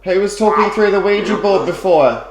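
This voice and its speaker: A man hosting a spooky night vlog, questioning spirits, with nervous, hushed asides between louder questions. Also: sits high, moderate pace. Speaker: vlog host leading a Ouija board session. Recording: echoey room with background noise.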